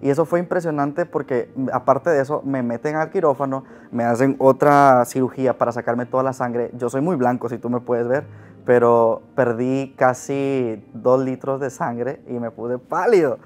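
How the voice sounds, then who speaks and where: A man's voice: mid-range voice, steady tone, normal speed. A young man sharing a personal testimony with earnest, emotional storytelling, then leading a prayer. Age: young adult. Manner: earnest, emotional storytelling, often rising in loudness. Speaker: testimony speaker.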